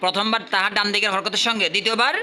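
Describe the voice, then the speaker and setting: A man from Bangladesh teaching at a madrasa, quizzing his pupils and repeating questions while urging them to answer louder. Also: sits high, steady tone, rapid-fire, crowd noise. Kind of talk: classroom quizzing.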